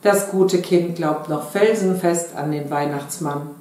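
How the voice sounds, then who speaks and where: Brief: chatty, eager wife in a storybook, as a woman reads her, low and slow, very echoey room. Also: darkish tone, natural voice. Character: eager middle-aged wife sewing doll dresses.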